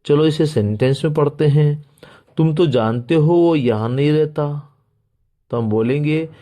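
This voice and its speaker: A man teaching spoken English, speaking deliberately and repeating each example sentence. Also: fairly high pitch, dark tone.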